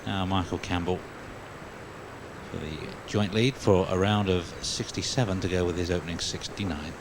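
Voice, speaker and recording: A man's voice: low-pitched, steady tone, moderate pace, background noise. A man working as a golf commentator, calling a tournament live.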